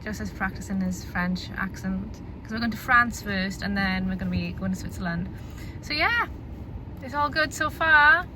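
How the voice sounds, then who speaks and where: A woman's voice: medium pitch, animated, moderate pace. A young woman chatting casually as a travel vlogger, rambling with fillers while on a road trip. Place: in a car and on the road. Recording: muffled with loud road noise.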